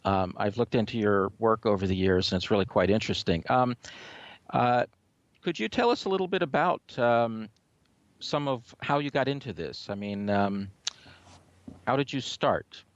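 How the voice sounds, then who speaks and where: A man's voice: on the low side, lively intonation, normal speed, no echo, dull audio. Hesitant male radio show host. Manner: hesitant, many fillers. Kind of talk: radio talk show hosting.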